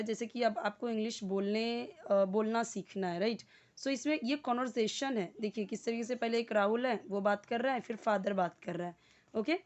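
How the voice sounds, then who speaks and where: A woman with an Indian accent teaching an English lesson, reading English sentences slowly and explaining them word by word, with many "uh" fillers. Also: medium pitch, a little mellow, dull audio. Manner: frequent "uh" fillers when speaking English.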